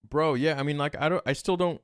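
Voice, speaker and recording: A man, a podcast guest, casually retelling a story in an animated, rambling way, peppered with "I'm like.". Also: a little high, a little fast, smooth, no echo, clean studio sound.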